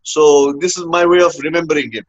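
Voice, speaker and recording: Speaking briskly in a voice on the high side, this Indian leadership coach rambles through his story in a relaxed interview. He fills it with "uh" and keeps adding a questioning "huh?", all on dull, lo-fi audio.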